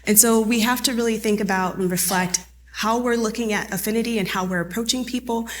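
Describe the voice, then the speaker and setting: Presenting a training session at a conference, this woman in her thirties chats with the room and frequently quizzes the audience. French and Haitian Creole are her first languages, and she speaks fairly quickly in a fairly high, fairly even voice.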